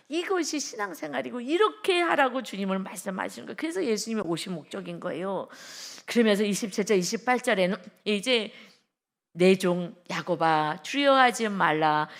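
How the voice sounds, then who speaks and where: A woman pastor preaching an early-morning sermon with emphasis, reading scripture slowly and loudly and asking her listeners direct questions. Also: fairly high pitch. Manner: vivid sound words and direct questions to the congregation.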